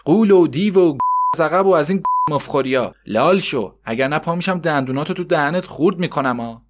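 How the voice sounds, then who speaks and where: A sharp-tongued, quick-tempered mother from a spoken story, nagging and cursing at her boy, voiced by a man. The voice sits a little high. It snaps with exasperation. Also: a little hiss or hum, natural voice. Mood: furious. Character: scolding, short-tempered poor woman, mother.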